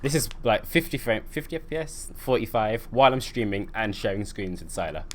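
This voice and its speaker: A man's voice: fairly low pitch, lively intonation, a little fast, slight background noise. A man streaming a bus simulator game. He chats casually, teases, and laughs often. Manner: jokey, laughs often, teasing.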